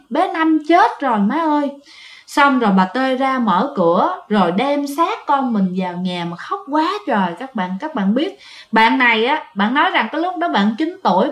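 Storyteller: woman, Southern Vietnamese accent, chatty ghost-story narration, bright high voice, roomy echo. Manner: chatty, addresses listeners directly.

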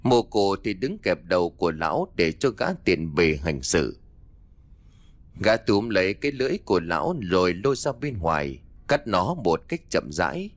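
Man, audiobook narrator, dramatic and expressive, low voice, dry close sound. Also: no room sound.

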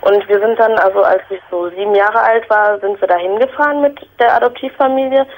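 A woman's voice: mid-range voice, a little hiss or hum. Young woman calling in over a phone line. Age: 20s. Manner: earnest, halting, many fillers. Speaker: caller. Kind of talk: phone-in call.

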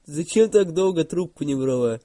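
A man's voice: fairly high pitch, lively intonation, moderate pace, dark tone, no room sound. A man prank calling in casual, persistent phone chat, with a speech impediment on his r sounds. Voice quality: mispronounced r, burry speech impediment. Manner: persistent, repeats questions. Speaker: prank caller. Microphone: telephone.

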